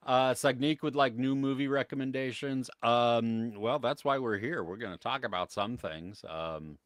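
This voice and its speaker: A man with a mid-range voice speaks at a measured pace, his tone fairly bright, recorded cleanly in a studio with no room sound. He's an American co-host on a live podcast, chatting casually about movies and reading viewer comments, with plenty of fillers and frequent laughter in this easygoing live-stream chat.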